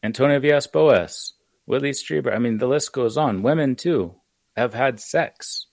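A man's voice: medium pitch, moderate pace, creaky, a little mellow, no echo. An American man, an author, talking through ideas in a rambling, thoughtful way on a podcast. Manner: thoughtful, rambling explanations with fillers. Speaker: author and guest. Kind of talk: casual podcast conversation.

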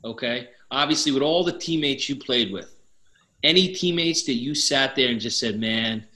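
Co-host: man with a bright, forceful tone, pushes questions straight at the guest. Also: mid-range voice, normal speed, roomy sound. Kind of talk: casual interview questions.

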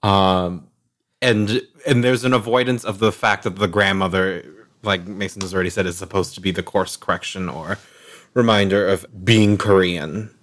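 A man's voice: low-pitched, steady tone, moderate pace, a bit bright. A man co-hosting a podcast, talking conversationally and often saying "like". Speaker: podcast co-host. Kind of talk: casual discussion.

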